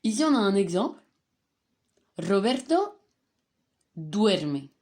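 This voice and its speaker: A woman's voice: mid-range voice, sing-song, takes it slowly, darkish tone. A woman teaching a slide-based grammar lesson, patiently repeating and stressing each conjugated form. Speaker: Spanish teacher.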